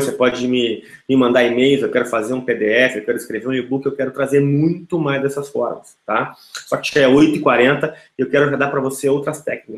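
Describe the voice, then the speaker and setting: A man giving an informal coaching lesson, talking straight to the listener and ending many phrases with quick checking tags. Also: mid-range voice. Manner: direct, addresses listener, frequent "tá?" and "né?" tags. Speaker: NLP coach. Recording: echoey room.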